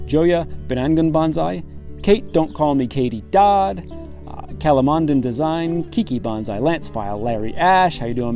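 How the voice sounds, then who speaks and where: A man hosting his bonsai channel, reading a long casual list of shout-outs in a laid-back, joking way with the odd curse word. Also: on the high side. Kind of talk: casual shout-out roll call.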